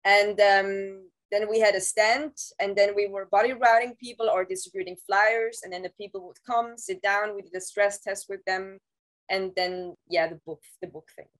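A woman in her thirties, an interview guest, recounting her past in a casual, halting way with many restarts, speaking over a video call from a room at home. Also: medium pitch, steady tone, rough recording. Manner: halting, with frequent restarts and "um" fillers. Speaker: interview guest, former Scientology staff member. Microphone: video call, laptop camera mic.

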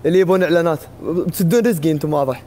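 A man's voice: a little high, rapid-fire, dark tone. A young man with a Bedouin Gulf Arabic accent and a slightly strained voice, chatting casually on a group live stream. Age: young adult. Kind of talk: casual chat. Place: indoor sitting room. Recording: faint background noise, live-stream call audio.

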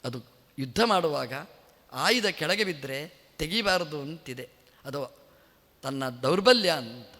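Man, devotional sermon, high voice, echoey temple hall. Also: takes it slowly, long pauses. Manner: animated storytelling with rhetorical questions to the audience. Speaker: religious leader giving a discourse.

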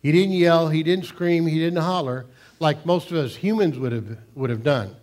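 An older man, a pastor preaching a sermon in a church sanctuary, swinging between loud emphasis and hushed, near-whispered lines. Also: a little high, normal speed. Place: church sanctuary, large room.

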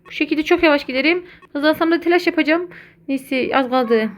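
A woman giving casual, excitable commentary while playing a video game, talking to her viewers as friends. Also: high-pitched, a little fast. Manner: excitable, chatty, addresses viewers as buddies. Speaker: gaming content creator.

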